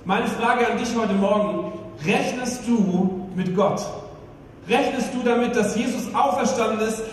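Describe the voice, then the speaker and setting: A man preaching an Easter sermon as pastor, emphatic, with rhetorical questions and slowed-down stresses. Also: high voice, darkish tone. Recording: echoey hall, distant mic, faint room noise.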